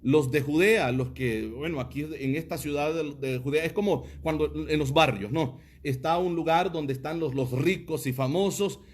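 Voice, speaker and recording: A male pastor with a voice slightly high for a man preaches a livestreamed teaching sermon. He talks at normal speed with few pauses, pressing listeners with many rhetorical questions and reading out viewer comments.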